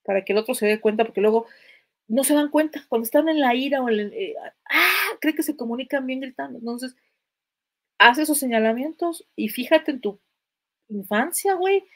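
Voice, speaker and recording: Irreverent Mexican woman, higher voice. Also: a little fast. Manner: irreverent, crude slang, playful. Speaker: comedic psychologist answering viewer comments. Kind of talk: casual live chat.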